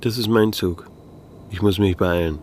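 In a noir radio drama, an actor narrates in the first person as a disillusioned, wry private detective, delivering lines in a dry, laconic way with a wry, reflective mood. His voice sits low and darkish, with fairly even intonation, a moderate pace, and a near-everyday quality, over a little hiss or hum.

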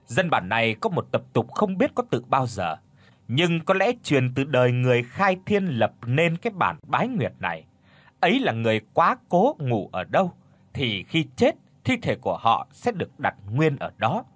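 A man's voice: medium pitch, huge pitch swings, normal speed, husky, no echo. Man narrating a village audio story.

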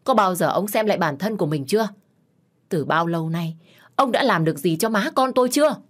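A woman's voice: fairly low pitch, lively intonation, brisk. Woman voicing a long-suffering mother. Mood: angry. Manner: pleading, then sharply scolding. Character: long-suffering mother, patient then defiant.

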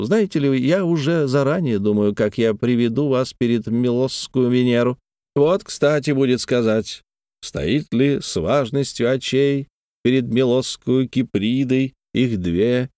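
A man reading the part of a playful, talkative young nobleman in love, with a raised, animated and teasing delivery. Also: mid-range voice, clean tone, no echo, studio quality, close to an everyday voice.

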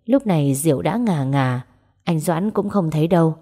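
Low, mellow woman reading a story. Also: expressive, normal speed. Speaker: audiobook narrator. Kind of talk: storytelling narration with dialogue voices.

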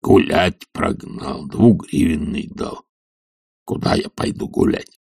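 A man voicing a lazy, stubborn old servant who grumbles slowly and sullenly in an audiobook. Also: low-pitched, vocal fry, darkish tone, husky, no room sound, studio quality, distant mic, heavily acted. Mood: grumbling. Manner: slow, sullen, mumbling. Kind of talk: audiobook character reading.

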